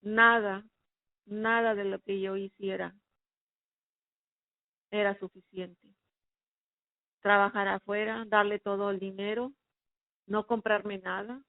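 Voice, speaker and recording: A woman's voice: medium pitch, little pitch movement, takes it slowly, pauses often, dry recording. Woman with a dry, phone-like sound. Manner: earnest, emotional recounting. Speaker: person giving a faith testimony. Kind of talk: personal testimony.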